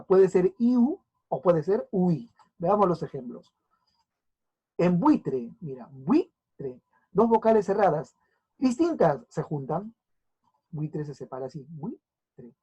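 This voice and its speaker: Husky-voiced woman teaching a lesson. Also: on the low side, warm tone, muffled recording. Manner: spells out syllables slowly, often checking understanding. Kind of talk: recorded grammar lesson.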